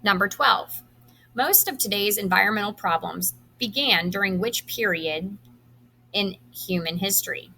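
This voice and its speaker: Over soft background music and poor audio, a high school teacher with a bright, crisp-edged voice of average female pitch reads quiz questions and options aloud. She delivers each item deliberately and instructionally, with a few short instructions.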